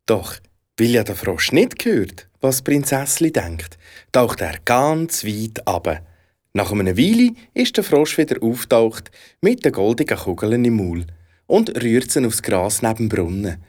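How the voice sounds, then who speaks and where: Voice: mid-range voice, a little slow. A storyteller with a Swiss German accent, narrating a fairy tale expressively. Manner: expressive, animated.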